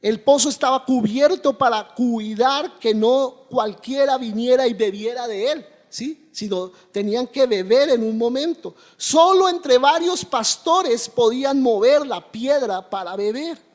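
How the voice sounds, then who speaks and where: A man preaches a sermon in a strikingly high voice. He keeps asking questions and answering them himself, punctuated by amens. His voice rings out with a long reverb in a church hall. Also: a little slow, hardly any pauses. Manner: preaching with call-and-response questions and repeated amens. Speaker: pastor.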